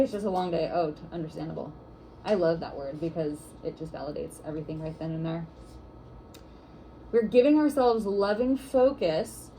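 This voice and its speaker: A woman's voice: on the low side, mellow, slight background noise, low-quality recording. A woman instructor teaching a workshop class for massage therapists, guiding and chatty with lots of "like" fillers.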